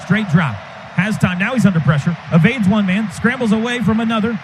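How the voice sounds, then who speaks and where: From a stadium radio booth, a high-voiced man calls live football play-by-play for radio. His calls are quick and clipped, swelling into shouts on the big plays. The broadcast is filled with loud crowd noise.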